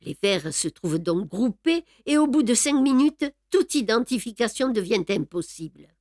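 A woman's voice: fairly high pitch, very animated, a little mellow, no room sound, clean studio sound. Woman narrating an audiobook, wry tone. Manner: measured, wry storytelling.

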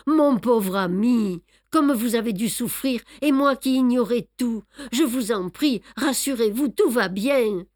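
A woman's voice: medium pitch, measured pace, no room sound, clean studio sound. A woman putting on a smug older male detective. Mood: reassuring. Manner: boastful, explaining, lively emphasis. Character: fussy, self-satisfied older male Belgian detective. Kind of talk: audiobook reading.

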